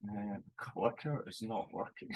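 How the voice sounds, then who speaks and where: A man's voice: on the low side, darkish tone, rough recording. Man giving an academic conference talk. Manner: thoughtful, self-correcting, deliberate. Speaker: conference presenter. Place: conference room.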